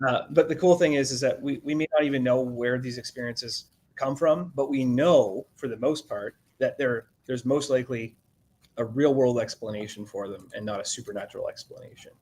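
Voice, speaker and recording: Man, husky voice, relaxed rambling storyteller, casual chat. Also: mid-range voice, a little fast. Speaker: guest. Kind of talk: casual conversation.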